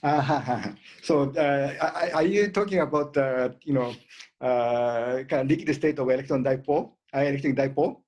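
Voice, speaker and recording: A man lecturing on physics, his pitch sitting squarely in the middle of the male range. He speaks haltingly, stopping often on filler words between phrases as he answers questions. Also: darkish tone. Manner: halting, heavy "you know" and "uh" fillers.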